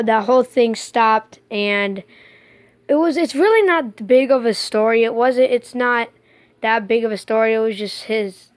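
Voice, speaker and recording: A woman's voice: a little high, no echo. Rambling young-sounding woman, dry close sound. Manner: rambling, with frequent restarts and filler likes; indignant commentary. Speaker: host. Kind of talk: casual countdown narration.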